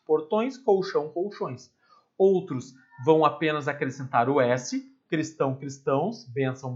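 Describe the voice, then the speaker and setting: A man's voice: medium pitch, dull audio. A male teacher explains grammar in a chatty way, asking rhetorical questions and dropping asides. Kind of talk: recorded grammar lesson.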